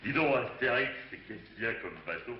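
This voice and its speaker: A man's voice: medium pitch, animated, normal speed, a little hiss or hum, natural voice. An actor playing Obélix, a big, hearty, naive male Gaul, in a vintage radio play, speaking bluntly. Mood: jovial naive. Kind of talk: 1960s radio play acting. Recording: muffled old radio tape, roomy.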